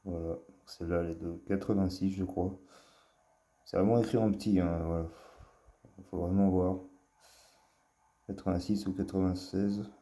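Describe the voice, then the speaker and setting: Here a man shows off his collection in a relaxed vlog, his mellow voice sitting low with fairly steady intonation. He speaks at a moderate pace, leaves long pauses, and sounds fond yet hesitant, filling gaps with fillers. The room is echoey.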